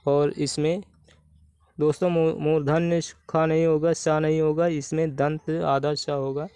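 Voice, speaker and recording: This Hindi exam-prep teacher, a man, walks methodically through spelling questions a little slowly, restating each answer. His fairly high voice is smooth, clear, flat and even, captured in a close, dry recording without echo.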